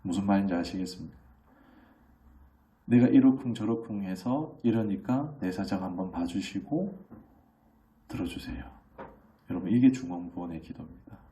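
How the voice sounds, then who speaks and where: A middle-aged man preaching a sermon as pastor, conversational and animated, often asking the congregation questions and acting out voices. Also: sits low, moderate pace, pauses often, far from the mic. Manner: animated, acts out children's voices in quotes.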